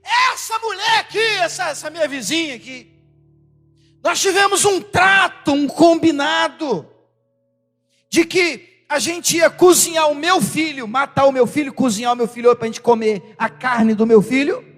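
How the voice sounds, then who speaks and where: A man with a Brazilian accent voicing a desperate starving mother, shouting frantically in a high, strained voice. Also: a little slow, big-room sound, faint music behind, full character voice. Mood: frantic.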